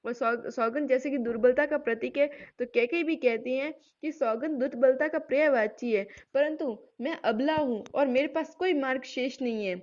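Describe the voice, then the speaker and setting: A woman with a high voice teaches a poetry class. She recites lines slowly and with weight, then breaks them down in everyday speech. The recording is muffled and lo-fi. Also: darkish tone. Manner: recites verses slowly and drawn-out, then explains in plain talk. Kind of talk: Hindi literature lesson.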